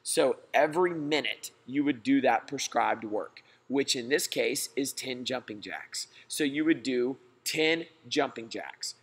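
A man coaches through a slideshow lesson, explaining things plainly and reassuringly. His voice has a husky, slightly breathy edge. His pitch sits in an ordinary middle range. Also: unhurried, hardly any pauses, fairly bright tone. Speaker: gym coach.

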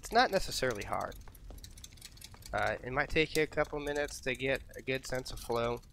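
Man, casual gaming tutorial, sharp forceful tone, relaxed and profane, repeats himself. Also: medium pitch, normal speed, creaky, a little hiss or hum. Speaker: fighting game tutorial host.

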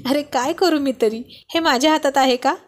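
A woman's voice: high-pitched, moderate pace, natural voice. A woman voicing a cheerful, practical young wife with a light, teasing way of talking. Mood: explaining.

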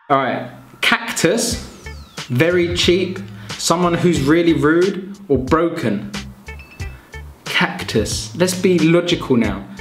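Slow, chatty man in an echoey room. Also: a little high, a bit bright. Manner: chatty, self-mocking, muses aloud. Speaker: vlogger. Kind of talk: casual vlog chat.

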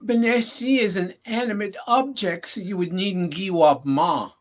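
A man teaching a language in a casual lesson, patiently repeating phrases slowly for his learner. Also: sits high.

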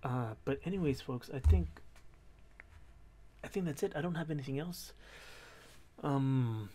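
Quiet but clear man, casual and hesitant. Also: animated, a little slow, slight background noise. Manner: quiet, low-voiced but clear, holding volume down; hesitant, thinking aloud with repeated phrases. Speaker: host of a reaction and discussion video. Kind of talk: casual unscripted commentary to camera. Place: small bedroom in an apartment.

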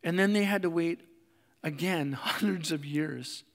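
A man preaching a sermon in a conversational way, with fillers and restarts, and slowing softly on reflective lines. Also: a little high, vocal fry, in a large hall. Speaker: pastor. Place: church sanctuary.

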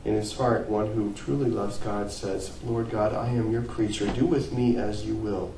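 Male pastor, mellow tone, earnest sermon delivery, recorded from a distance in an echoey church. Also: lowish voice, little pitch movement, normal speed, a little hiss or hum. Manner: earnest preaching, rising to emphatic peaks and dropping to quiet phrase ends. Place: church sanctuary.

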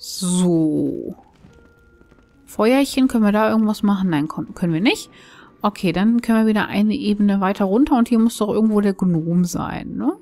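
A woman's voice: medium pitch, moderate pace, mellow. A woman commentates her gameplay, chatty and enthusiastic as she thinks aloud. Faint game music plays behind her voice. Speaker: let's play host.

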